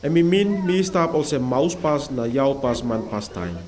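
A man's voice: medium pitch, expressive, moderate pace, darkish tone. A man reading a scripted first-person account for a documentary. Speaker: reader of a historical figure's letters. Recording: background noise with insects.

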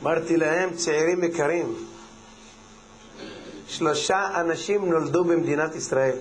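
A man, a rabbi, giving a humorous sermon, telling a parable and acting out its characters in quick back-and-forth dialogue. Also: on the high side, a little hiss or hum.

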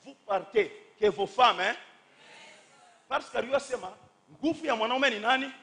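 A man preaching a fervent sermon, shouting and stretching phrases as he calls on the congregation to repeat after him. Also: very high-pitched, measured pace. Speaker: pastor. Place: church during a live service.

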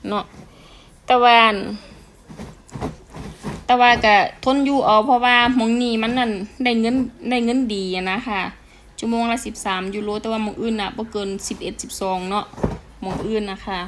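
A woman's voice: a little high, fairly even intonation, normal speed, fairly bright tone, a little hiss or hum. A woman with an Isan accent, chatting casually and frankly to her viewers as a vlogger, laughing often.

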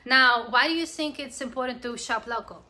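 Bright, enthusiastic woman interviewer. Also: high voice, moderate pace. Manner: enthusiastic, complimentary. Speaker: interviewer and host. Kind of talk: live video interview. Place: barbershop and outdoor walkway. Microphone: handheld phone camera.

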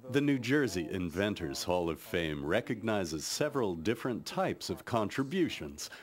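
A man's voice: fairly low pitch, sing-song, normal speed. An American man narrating a scripted science news report as a correspondent.

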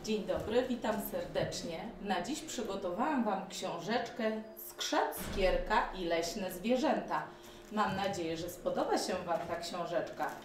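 A woman reading a children's book aloud, slowly and gently, after greeting her listeners. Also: mid-range voice, lively intonation. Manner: slow, gentle, welcoming reading. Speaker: storybook reader. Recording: echoey room, from a distance, with faint noise.

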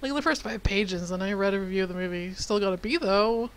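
A woman doing a deadpan teenage daughter. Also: a little fast, a little hiss or hum, natural voice. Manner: dry, deadpan, low-key delivery.

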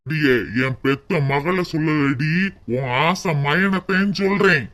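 A man voicing a stern, angry middle-aged father in a cartoon, scolding in a slow drawl with a southern Tamil accent. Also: on the high side, a bit bright. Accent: southern Tamil, Tirunelveli.

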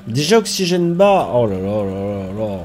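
Speaking lower this time at a normal speed, the survival-game streamer chats casually over slight background noise. His nose sounds a bit blocked, and he keeps thinking aloud and saying words twice.

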